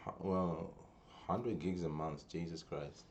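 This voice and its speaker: A man's voice: low voice, steady tone, slow, a little mellow, muffled recording. A young man hosting a casual gaming podcast, rambling with lots of restarts and slang. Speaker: podcast host and tournament organizer. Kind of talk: casual chat.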